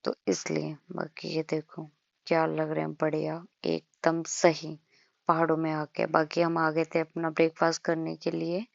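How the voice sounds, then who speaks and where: A woman's voice: low-pitched, vocal fry, dry recording. Young female vlogger from India, chatty and self-mocking; dry, dull lo-fi voice-over. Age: young adult. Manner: chatty, self-mocking, addresses viewers as guys. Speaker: travel vlogger. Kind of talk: casual vlog narration.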